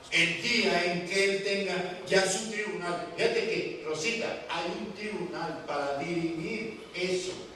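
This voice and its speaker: A man preaching a sermon at a slow, deliberate pace, his voice a little high for a man. He presses his points with rhetorical questions to the congregation. He is picked up from a distance in a very echoey church hall, with faint background noise. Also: a bit bright.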